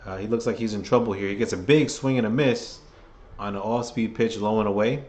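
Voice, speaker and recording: Hoarse New fan calling the game. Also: male voice, fairly low pitch, brisk, very noisy. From New York. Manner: rambling, opinionated, restarts phrases often. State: hoarse, losing his voice. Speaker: fan livestream host doing play-by-play. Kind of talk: casual fan play-by-play commentary.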